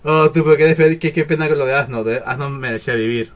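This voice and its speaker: A man's voice: a little high, quick pace. A young man reacting to an anime episode, emotional and full of exclamations. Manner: emotional, exclamatory, swings from shouts to murmurs. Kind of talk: excited reaction commentary.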